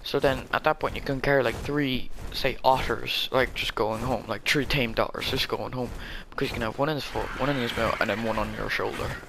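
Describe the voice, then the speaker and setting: A man's voice: medium pitch, steady tone, a little fast, creaky, few pauses, noisy background. A man giving rambling, jokey commentary while playing a video game on his channel. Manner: rambling, jokey, laughs at himself. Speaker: gaming YouTuber. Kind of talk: casual gameplay commentary.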